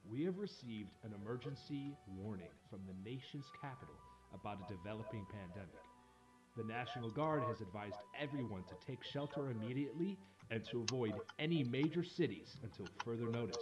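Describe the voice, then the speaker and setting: A man voicing a stern emergency radio announcer who reads a warning over a radio speaker in a formal, measured, commanding way. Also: medium pitch, animated. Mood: urgent. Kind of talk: scripted announcement. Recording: muffled in-game radio with music.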